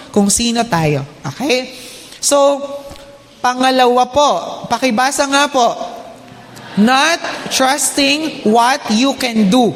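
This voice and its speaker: A woman with a Filipino accent preaching a sermon in a church hall, often asking the congregation "Okay?". She has slight trouble with the R sound. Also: sits high. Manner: polite, checks in with the congregation with "Okay?"; mixes English phrases into her talk. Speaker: church speaker and children's teacher. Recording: long hall reverb.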